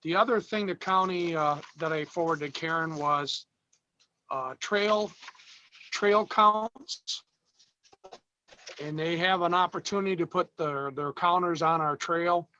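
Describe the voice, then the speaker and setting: A man giving a halting committee report over a video call, his audio breaking up on a bad connection. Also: a little high, pushed and bright. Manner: halting, pausing often with "uh". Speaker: road advisory committee member giving a report. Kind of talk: informal report at a video-call public meeting. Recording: dull lo-fi call audio with faint noise.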